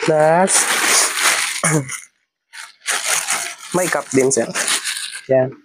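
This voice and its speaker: A young man, a student, chatting politely and softly giving thanks during an unboxing vlog. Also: on the high side, extremely slow, breathy edge, low-quality recording. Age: young adult. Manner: polite, flat, soft-spoken thanks. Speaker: student guest. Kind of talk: casual chat.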